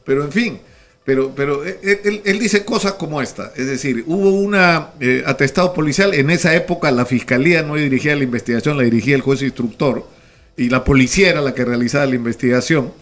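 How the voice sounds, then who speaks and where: A man's voice: medium pitch, brisk, a bit bright. A man, a radio host who questions his guest in a conversational way with many restarts. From Peru. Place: radio studio.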